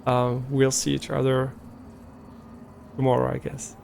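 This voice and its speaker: An unhurried, monotone German streamer with a gravelly, slightly mellow mid-range voice chats casually with his viewers, a bit hesitant and thinking aloud. He's a native German speaker with a German accent, and there's a little hiss or hum.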